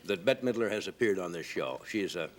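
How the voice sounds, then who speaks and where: A man's voice: low-pitched, fast talker. A man hosting a late-night talk show, chatting in a dry, teasing manner before a studio audience. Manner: dry, wry and teasing with lively intonation. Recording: noisy old TV broadcast with clicks.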